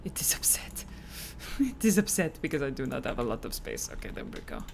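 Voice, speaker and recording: A woman's voice: rumbling low, sing-song, moderate pace, creaky. A young woman streaming a game, talking anxiously to herself in repeated reassurances, dropping to whispers and snapping back at her chat. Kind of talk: live-streamed gameplay with in-character roleplay.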